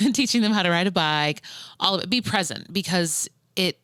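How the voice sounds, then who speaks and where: Low-voiced chatty woman co-host. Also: moderate pace, fairly bright tone, no room sound. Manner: chatty, laughing easily, rambling with fillers. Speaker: podcast co-host and parent. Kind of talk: casual chat.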